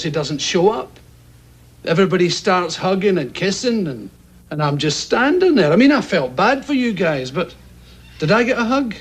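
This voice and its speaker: Boyfriend in TV comedy-drama: high-pitched, lively swings, eager, backpedalling, easily wounded. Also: male voice, breathy edge, heavily acted. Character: eager, jealous, soft-hearted boyfriend named Billy. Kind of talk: television comedy-drama acting.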